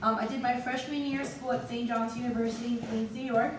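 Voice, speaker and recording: An upbeat Venezuelan woman in her twenties gives a self-introduction speech as a student nominee. She talks fast in a high-leaning voice with fairly even intonation, recorded far from the mic in a large, echoey, noisy meeting hall.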